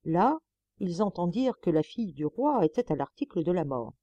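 A woman reading a fairy tale aloud in an expressive, animated storybook narration. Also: fairly low pitch, moderate pace, no room sound, lo-fi sound. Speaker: audiobook reader.

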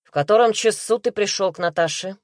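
A woman's voice: low-pitched, big pitch swings, unhurried, no room sound, studio quality, heavily acted. A woman reading an audiobook, voicing a male detective who interrogates a suspect in a harsh, barking manner. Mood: furious. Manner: harsh, barking, pressing questions. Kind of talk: audiobook character voice.

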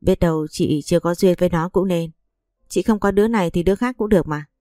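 A woman's voice: fairly low pitch, fast, dark tone, no room sound, studio quality, lightly acted. A woman voicing a cold, scheming middle-aged mother-in-law who talks in a curt, dismissive way. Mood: pleading.

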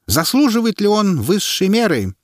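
A man voicing a commanding male herald who runs a public trial, proclaiming loudly and theatrically in an audiobook. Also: high voice, big pitch swings, dry recording, studio quality, voice pushed up. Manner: loud, theatrical, drawn-out proclamations.

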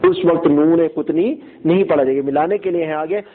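A man with a high voice leads a tajweed lesson, explaining rules and checking whether his students follow along. He breaks into slow chanted recitation of the verses. The sound is thin and tinny, as if heard over a phone line. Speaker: Quran recitation teacher.

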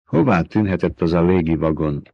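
A man's voice: low-pitched, vocal fry, no echo, dull audio. A man voicing a blunt, loyal soldier. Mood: questioning.

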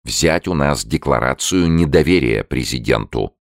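A man's voice: rumbling low, lively intonation, unhurried, gravelly, dry recording, studio quality, heavily acted. A man reading an audiobook, voicing a woman who leads a delegation and insists and protests. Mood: insistent, aggrieved.

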